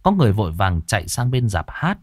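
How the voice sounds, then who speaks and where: A man narrates a ghost story in a dramatic, expressive voice, sitting on the low side. His pitch moves in a lively way, and the recording is close and dry. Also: fast talker, no room sound.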